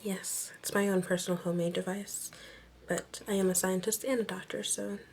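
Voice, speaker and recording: A woman whispering softly and gently through a doctor exam roleplay, reassuring and close to the mic. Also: mid-range voice, little pitch movement, moderate pace. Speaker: ASMR creator playing a doctor. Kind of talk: ASMR medical exam roleplay. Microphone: close microphone. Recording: noisy close-mic recording with clicks.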